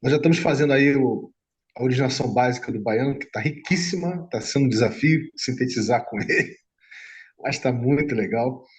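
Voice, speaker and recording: A man's voice: medium pitch, brisk. A man hosting a casual online group session, asking short follow-up questions and welcoming a new participant.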